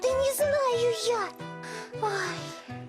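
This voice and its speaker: A woman's voice: very high-pitched, animated, extremely slow, loud music behind the voice, full character voice. A woman voicing a small, naive female animal in a children's cartoon, with a childlike, exclaiming delivery. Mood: naive, timid. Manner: sing-song, exclaiming, childlike.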